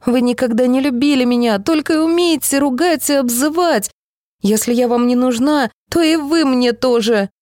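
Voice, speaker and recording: A woman's voice: high-pitched, normal speed, a little mellow, dry recording, clean studio sound, pitched above the performer's own voice, lightly acted. A woman reading the part of a young one-armed girl who pleads and speaks through tears. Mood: tearful.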